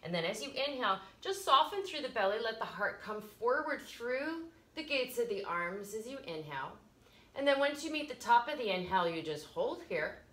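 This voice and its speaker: A middle-aged woman giving casual yoga instruction as a teacher, explaining informally with soft emphasis and little pauses, recorded in a living room by a camera a few feet away. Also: on the high side, big pitch swings, poor audio. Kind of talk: casual instructional talk, guided breathing demonstration. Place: carpeted living room, indoors.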